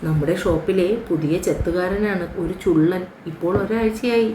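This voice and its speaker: A woman's voice: lowish voice, moderate pace, dark tone, slight background noise, close to an everyday voice. A woman voicing a chatty young female friend with a playful, confiding manner, recorded in a roomy room. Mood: teasing.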